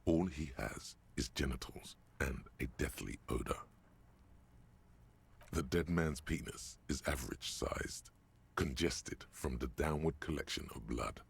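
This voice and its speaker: An actor playing a game's narrator voice, describing grim details in a darkly vivid manner. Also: male voice, very deep voice, a little slow, creaky, slightly rough, heavily acted. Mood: grim narration. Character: deep gravelly male narrator voice of the detective's mind. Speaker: game narrator.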